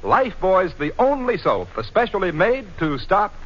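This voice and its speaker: A man's voice: sits high, very animated, normal speed. A man with an American accent reading a scripted 1940s radio advertisement as an old-time announcer. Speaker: commercial announcer. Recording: muffled vintage 1940s radio broadcast.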